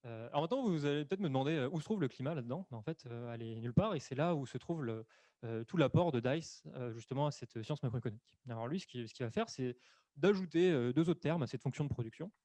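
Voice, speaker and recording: Fast-talking man presenting a webinar. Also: medium pitch, expressive, mellow, dry recording. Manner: hesitant, many fillers and self-corrections. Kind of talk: explanatory webinar talk. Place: room at home or office, on camera. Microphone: desk microphone.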